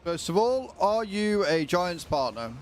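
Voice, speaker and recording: A man's voice: sits high, sing-song, unhurried, soft background music. A man livestreaming a video game, chatting casually and informally with his viewers. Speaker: livestreamer, gamer.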